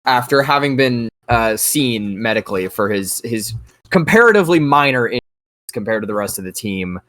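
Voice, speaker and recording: A man in casual tabletop game chat whose pitch rises and falls a lot as he swears and gets distracted mid-sentence. He talks into a home mic with a dry, close sound and no room echo. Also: lively intonation, a little fast, fairly bright tone. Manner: swearing, distracted, talking while eating. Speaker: player.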